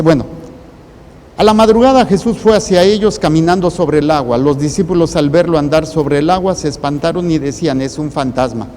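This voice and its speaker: Male priest, Mexican accent, mellow tone, deliberate phrasing, long reverb and faint noise. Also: a little high. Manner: deliberate, in short broken phrases with pauses. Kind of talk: preaching a sermon.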